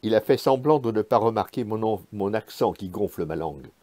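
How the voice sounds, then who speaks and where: A man reading his own literary prose aloud in a measured, hushed, spare way. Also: fairly low pitch, animated, no echo.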